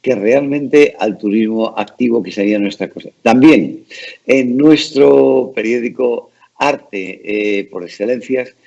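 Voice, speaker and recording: A man's voice: medium pitch, takes it slowly, gravelly, a little mellow, dull audio. A man hosting a conversational interview in a courteous, formal and wordy way. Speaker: interview host.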